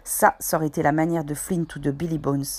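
A woman's voice: sits low, little pitch movement, fast. A woman reading aloud, voicing a cunning old male pirate cook who speaks in persuasive, folksy sailor's slang. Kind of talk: audiobook character voice.

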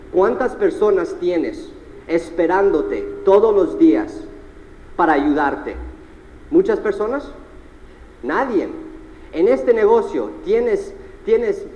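A man giving an energetic seminar speech to a live audience. He fires questions at the crowd, tags his lines with "eh?" and mixes in English words. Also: high voice, highs cut off. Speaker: motivational speaker at a sales seminar. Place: large seminar hall. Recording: echoey hall with long reverb.

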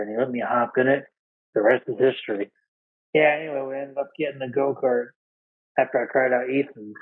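A man from New York co-hosting a casual podcast, recounting his racing years in a matter-of-fact, profane way. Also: medium pitch. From New York, USA. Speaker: podcast co-host. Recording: tinny phone-like line.

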